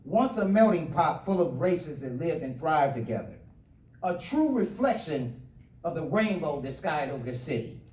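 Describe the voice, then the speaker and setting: A man's voice: a little high, big pitch swings, normal speed, darkish tone. A middle-aged man from Ohio delivering a spoken word speech with a repeating, rhythmic refrain. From Ohio, USA. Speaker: speaker. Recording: echoey room, voice from far off.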